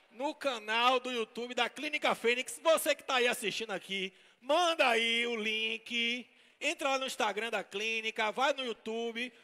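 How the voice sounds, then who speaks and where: High, bright-voiced Bahian clown man. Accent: Bahian Portuguese. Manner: playful, teasing crowd banter. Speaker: clown magician entertainer. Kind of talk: live stage comedy magic act. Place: shopping mall event stage. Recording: long echoey hall reverb.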